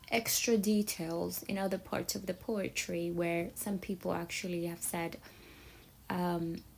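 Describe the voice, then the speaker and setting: A woman's voice: mid-range voice, gravelly, a little hiss or hum, poor audio. A woman from Somalia telling stories in a casual monologue, often checking in with her listener with "yeah?" and "right?". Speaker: storyteller.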